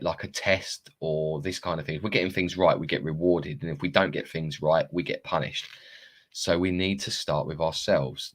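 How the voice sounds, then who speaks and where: A man's voice: low voice, fairly bright tone. A man talks straight to the camera like a motivational coach. He is blunt and emphatic and swears freely as he makes his points. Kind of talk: casual motivational talk.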